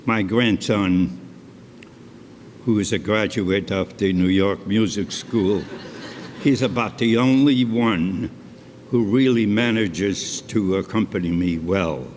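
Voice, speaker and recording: Speaking from a concert hall stage, an older storyteller and cantor from Poland, a native Polish speaker, tells his own life story at a slow, deliberate pace. His fairly low voice has a darkish tone, and he tosses chatty remarks to the audience. Long reverb and a faint hum surround him.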